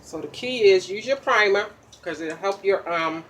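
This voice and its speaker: A woman's voice: mid-range voice, normal speed, fairly bright tone. A woman hosting a casual makeup tutorial in an ASMR style, chatty and popping gum, checking in with "okay?" after each step. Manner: pops chewing gum while talking.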